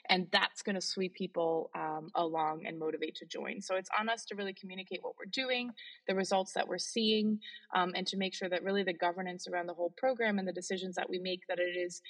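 In an interview conversation, a chocolate-industry sustainability leader speaks with earnest emphasis and many fillers. She's Belgian, in her forties, Flemish by first language, with an American accent and a mid-range, slightly bright voice.

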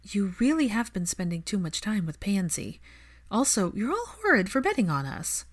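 A woman voicing a guarded, wry young heroine in a measured, dry way, close to her own voice. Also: mid-range voice, very animated, voice pushed up.

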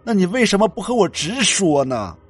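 A man voicing an upright young man in a ghost story, protesting in loud, raised outbursts. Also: sits high, sing-song, normal speed, husky, voice pushed up, full character voice. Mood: indignant.

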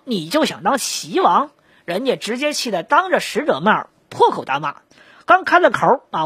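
Woman history storyteller, colloquial and joking, husky, dry. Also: mid-range voice, dry recording. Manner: lively, joking, conversational.

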